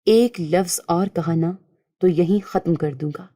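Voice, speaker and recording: A woman voicing a menacing, arrogant male village chief in a spoken storybook, speaking slowly and threateningly. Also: fairly low pitch, dark tone, dry recording, studio quality, natural voice.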